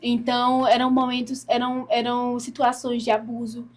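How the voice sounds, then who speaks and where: A woman's voice: fairly high pitch, completely flat delivery, normal speed, a little hiss or hum. A Brazilian woman telling her personal faith story in an earnest way, acting out what she said back then. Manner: earnest storytelling, acts out her own past words. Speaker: guest giving a testimony.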